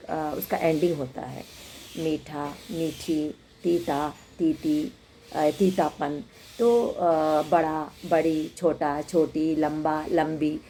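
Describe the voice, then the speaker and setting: Slow, soft-voiced woman teacher. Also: low-pitched, slight background noise. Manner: explains slowly, repeats words, mixes in simple English. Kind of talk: classroom lesson for children.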